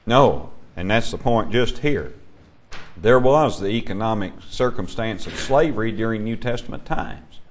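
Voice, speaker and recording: A man teaching a Bible class, emphatic and measured, putting questions to his students. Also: on the low side, lively intonation, a little hiss or hum.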